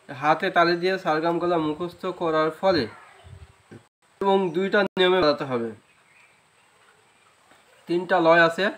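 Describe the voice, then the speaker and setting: A man's voice: on the high side, fairly bright tone. Patient Bengali man teaching flute rhythm. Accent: Bangladeshi Bengali. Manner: patient, repeats steps, checks with "right?"; sings sargam syllables slowly. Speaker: music teacher. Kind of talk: flute lesson, spoken instruction.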